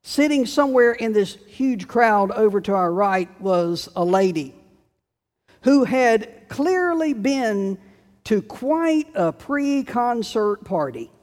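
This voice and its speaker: A male pastor delivers a sermon at an unhurried, measured pace. His voice rings with the long reverb of a large church sanctuary. He tells the story deliberately, pausing between phrases. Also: high voice, big pitch swings. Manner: storytelling, slow and deliberate with dramatic quoted shouts.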